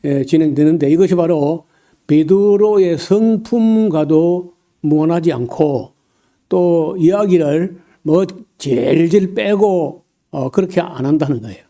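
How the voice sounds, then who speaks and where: Male pastor, sermon delivery, very mellow dark tone, folksy and halting with lots of fillers and throat-clearing. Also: fairly high pitch. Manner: folksy, humorous asides.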